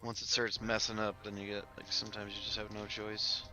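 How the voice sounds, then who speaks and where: A man's voice: lowish voice, completely flat delivery, a little fast, bright, forceful tone, faint music behind. A man playing a tabletop game over a voice call, casually blunt with rules reminders. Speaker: player.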